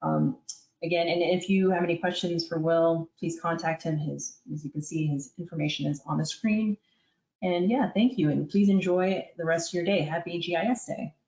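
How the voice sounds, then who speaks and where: A woman's voice: lowish voice, normal speed, a little mellow. A woman moderating an online conference session, reading out questions and thanking the speaker in an upbeat way. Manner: upbeat, brief interjections. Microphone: video call. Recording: roomy, dull call audio.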